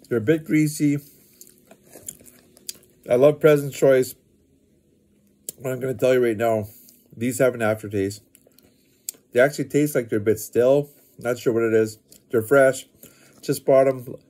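Mellow older man reviewing snacks. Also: mid-range voice. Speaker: food review host. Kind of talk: casual snack review vlog. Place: outdoor covered wooden porch.

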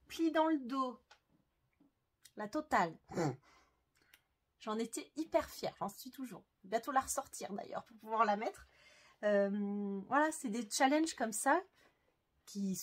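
Chatty, enthusiastic woman sewing vlogger. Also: fairly high pitch. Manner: chatty, enthusiastic, with frequent fillers and self-corrections. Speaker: sewing YouTuber. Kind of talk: casual book review vlog.

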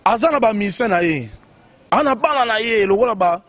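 A high-pitched man talks through music gossip in quick, emphatic bursts. He leans on fillers and keeps the tone casual and animated. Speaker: commentator. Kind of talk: casual commentary on music news.

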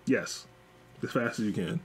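A man's voice: on the low side, moderate pace, slightly rough. A man co-hosting a podcast, chatting casually and joking with frequent laughs. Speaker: podcast co-host. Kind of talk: casual chat.

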